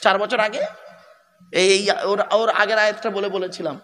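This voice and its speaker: High-voiced preacher man. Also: steady tone, moderate pace, a bit bright. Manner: addresses listeners as "bapera", repeats rhetorical checks. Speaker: Islamic preacher. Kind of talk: sermon.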